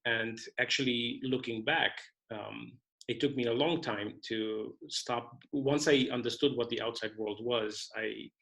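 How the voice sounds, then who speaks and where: A man's voice: medium pitch, fairly even intonation, unhurried, vocal fry, fairly bright tone, poor audio. A man in his forties from Romania, with Romanian as his first language, talking in a thoughtful, hesitant way as a guest in an interview. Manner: thoughtful, hesitant with many fillers. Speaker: guest conductor. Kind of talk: casual interview conversation.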